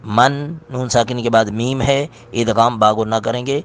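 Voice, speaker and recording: A man teaching Quran recitation, chanting verses slowly and melodically, then briskly explaining pronunciation rules. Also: medium pitch, steady tone. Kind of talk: tajweed lesson with recitation.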